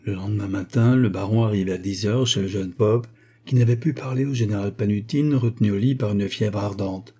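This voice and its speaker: A man reading a classic novel aloud in measured storytelling narration. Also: fairly low pitch, mellow, slightly rough. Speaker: audiobook reader.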